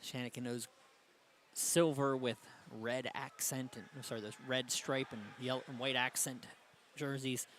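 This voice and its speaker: A man doing play-by-play commentary for a high school hockey game, brisk and getting louder on big plays. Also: a little hiss or hum. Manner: brisk, rises in excitement on goals. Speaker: play-by-play announcer.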